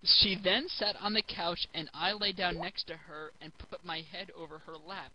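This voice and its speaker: A man's voice: sits high, fairly even intonation, normal speed, sharp tone, slight background noise, low-quality recording. A giggly drunk man reading a story aloud for comedy, stumbling over the text and throwing in mocking asides.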